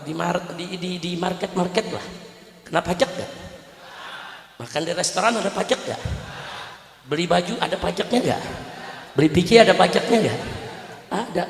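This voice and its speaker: A man preaching a fiery political sermon, shouting and throwing rhetorical questions at the crowd. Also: sits high. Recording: echoey hall, long reverb.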